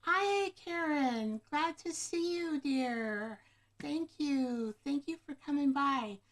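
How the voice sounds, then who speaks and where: A woman with a high voice talks slowly during her laid-back craft livestream. She rambles along, chatting with viewers and often calling them by name. Audio comes from a camera microphone.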